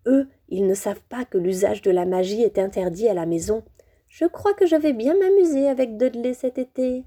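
A woman's voice: fairly high pitch, animated, moderate pace, dark tone. A woman voicing a friendly, lightly cheeky schoolboy in a storybook reading. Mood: cheerful. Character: cheerful schoolboy wizard, friendly.

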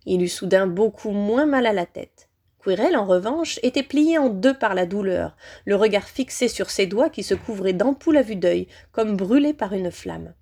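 A woman's voice: medium pitch, moderate pace. Woman narrating a dramatic audiobook. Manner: expressive, dramatic reading.

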